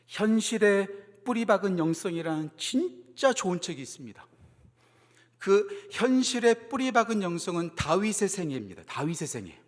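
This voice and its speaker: A male pastor preaching at a Friday prayer meeting. He shifts from soft, low talk to loud, impassioned exhortation. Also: big pitch swings, normal speed. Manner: acts out mocking voices in storytelling. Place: church sanctuary. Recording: reverberant church hall.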